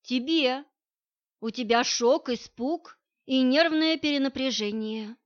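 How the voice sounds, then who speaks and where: A curt, exhausted male guard, voiced by a woman narrator in an audiobook. He answers in short, flat, dry lines in a fairly high register. The audio sounds dull and lo-fi. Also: unhurried. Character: gruff tired male security man, curt.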